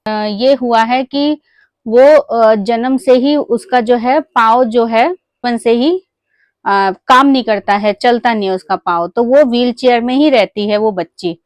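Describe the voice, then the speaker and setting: Chatty woman with a higher voice telling a story. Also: a little slow, no echo. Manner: chatty, addresses viewers as friends, many fillers; gently acts out a child's excited calls to her mother. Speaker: vlogger telling a moral story. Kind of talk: casual storytelling.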